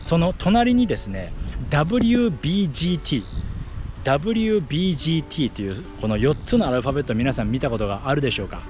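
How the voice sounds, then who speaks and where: A man's voice: fairly high pitch, big pitch swings, fast, darkish tone, soft background music. A man explaining things to the camera in short phrases as he talks while running outdoors. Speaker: running vlogger and athletic trainer. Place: outdoors on a path by fields. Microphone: action camera at arm's length.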